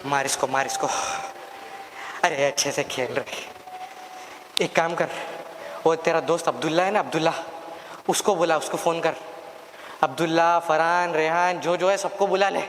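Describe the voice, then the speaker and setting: A young man playing a gleeful, scheming male devil in a stage monologue, bossing his minions, taunting, and breaking into cackles and shouts. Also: a little high, a little hiss or hum. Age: young adult. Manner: taunting, bossy, bursts into cackling laughs and shouts. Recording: echoey hall, long reverb.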